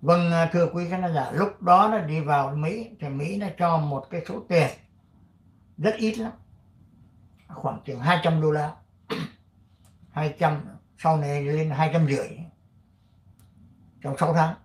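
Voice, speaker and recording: An older man from Vietnam hosting his channel, chatting casually and reading an article aloud, rambling with many fillers and frequent throat clearing. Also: fairly high pitch, unhurried, pauses often, roomy sound. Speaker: channel host.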